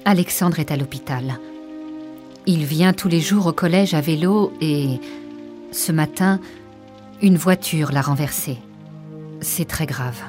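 Woman narrator as a serious, steady school principal in a storybook, slow and encouraging, mellow tone. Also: low voice, faint music behind. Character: calm middle-aged male school principal.

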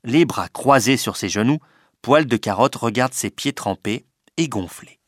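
A man narrating a storybook reading in a lively, expressive way. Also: mid-range voice, a little slow, no room sound, studio quality.

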